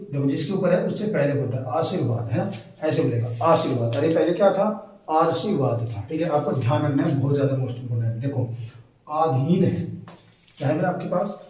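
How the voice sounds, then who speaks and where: A man teaching a lesson for exam preparation. He checks in often with "okay?" and slowly draws out words as he spells them. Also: fairly high pitch, a little mellow. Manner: repeats checks like "ठीक है" and "है ना". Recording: very echoey room, far from mic, faint noise.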